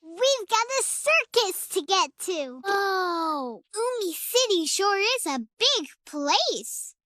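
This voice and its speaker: A cheerful young girl elephant from a preschool cartoon, who speaks in a very high, sparkling voice. She talks unhurriedly and sing-song to the viewer, her pitch leaping up and down, all in a dry, close studio sound. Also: very animated, takes it slowly, bright, forceful tone, no echo, full character voice. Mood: eager. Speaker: voice actor.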